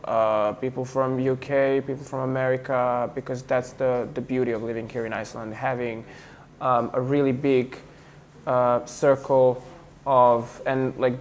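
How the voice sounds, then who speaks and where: A man's voice: mid-range voice, a little mellow. Hesitant young man with a Serbian accent. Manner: hesitant, many fillers and restarts. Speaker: interviewee. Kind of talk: casual interview talk.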